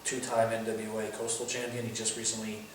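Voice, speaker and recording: A man's voice: on the low side, flat delivery, fairly quick. A man in a casual interview giving detailed previews like an announcer, rattling off titles and credentials. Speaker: wrestling pundit previewing shows. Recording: very echoey room, distant mic, faint noise.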